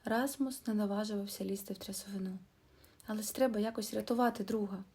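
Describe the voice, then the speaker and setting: A woman narrating a children's audio fairy tale, switching into lively voices for the characters. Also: medium pitch, fast talker, husky. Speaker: storyteller.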